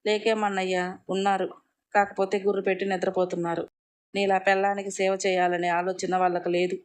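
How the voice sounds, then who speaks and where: A woman's voice: medium pitch, flat delivery, a little fast, close to an everyday voice. A woman voicing a playful, teasing young sister-in-law in a storybook reading. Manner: mocking, playful.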